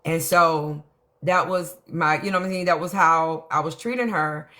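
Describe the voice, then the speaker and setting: A middle-aged woman holds court on her live stream. She is blunt and profane, keeps a bright, forceful tone, and greets viewers by name between points. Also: deep voice, moderate pace, slight background noise. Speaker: livestream host. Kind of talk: casual live-stream rant to chat.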